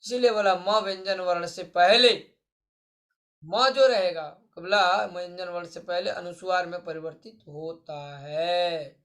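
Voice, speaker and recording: A man's voice: sits high, unhurried, fairly bright tone. A male Sanskrit teacher speaking in an online lesson. He explains each point, asks the class a question and answers it himself, and calls his listeners friends. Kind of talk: online exam-prep lesson.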